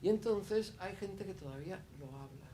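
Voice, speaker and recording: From the audience at a panel, a man with a high, warm voice and lively intonation speaks at normal speed, improvising his remarks. He hesitates often, filling gaps and restarting, with slight background noise behind him.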